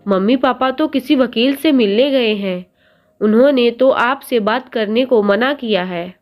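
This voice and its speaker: A woman's voice: a little high, a little slow, lightly acted. A woman voicing a teenage schoolboy who pleads with his sister-in-law in a choked, sobbing voice, in a storybook reading. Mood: pleading.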